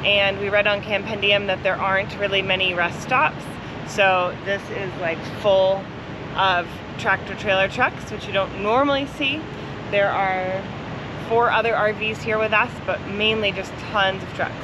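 A woman in her thirties chats brightly about the road trip, laughing easily. She talks into a camera held at arm's length, and steady road and engine noise runs underneath. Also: medium pitch. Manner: upbeat, chatty, quick to laugh. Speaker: vlogger. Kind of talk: casual travel vlog chat. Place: inside a motorhome and outdoors in a truck-filled parking lot at night. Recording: noisy road and parking lot background.

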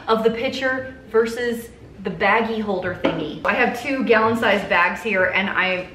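A woman's voice: medium pitch, fairly bright tone. Chatty woman vlogging in an echoey kitchen. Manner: chatty, upbeat, self-joking asides. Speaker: cooking vlogger. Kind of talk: casual kitchen vlog talk. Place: home kitchen, indoors. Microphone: camera on counter at mid distance. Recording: echoey kitchen with faint noise.

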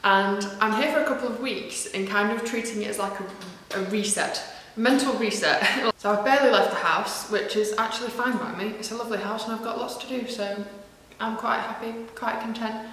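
A woman's voice: a little high, a little fast, hardly any pauses, a bit bright. A woman from northwest England, a knitwear designer chatting casually to camera, self-deprecating and full of ums and asides. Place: large echoey room in a house. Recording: very echoey big room.

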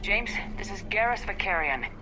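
An actress playing a brisk, authoritative, resolute female space commander in a video game. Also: medium pitch, animated, loud music behind the voice, lightly acted, poor audio.

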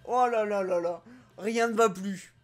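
Excitable man. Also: high voice, measured pace, soft background music. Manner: excitable, jokey, bursts into loud exclamations. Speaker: gaming YouTuber. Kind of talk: excited gameplay commentary.

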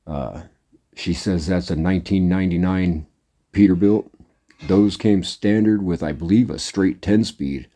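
Deep, mellow-voiced rambling trucker man. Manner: rambling, plain-spoken, many "uh"s and "anyways". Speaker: trucker vlogger. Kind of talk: casual monologue to camera.

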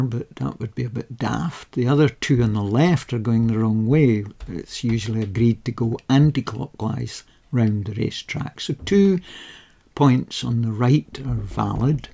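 A man explains game rules in a slow, close-mic voice-over. His medium-pitched voice is dark and mellow with a gravelly, husky edge, and he speaks at an unhurried, deliberate pace in a measured, methodical way with a touch of dry understatement.

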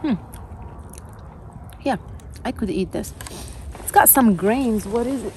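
By a fire at an outdoor campsite, a young woman vlogger casually guides viewers through cooking a camp meal step by step while her camera sits a short way off. She speaks slowly in a warm, fairly high voice with lively intonation, and there's slight background noise.

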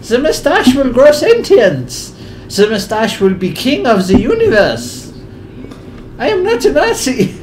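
A goofy, mock-earnest scientist rambles in a put-on German accent as a gamer voices him. The voice sits high and swings widely in pitch. Clear background noise hums under a home recording. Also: huge pitch swings, unhurried, a little mellow, full character voice.

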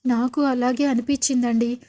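A woman reading the lines of a tired, weak older mother in a serial retelling, speaking softly and wearily. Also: on the high side, little pitch movement, normal speed, lightly acted. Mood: weary. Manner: soft, weary speech.

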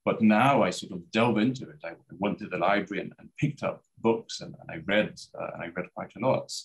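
Speaking from his bookshelf-filled study in a video-call interview, the Iraqi scholar in his thirties has a gravelly voice that sits low and moves fairly quickly. He's a guest who hesitates, using many fillers and restarts. His webcam audio has the highs cut off.

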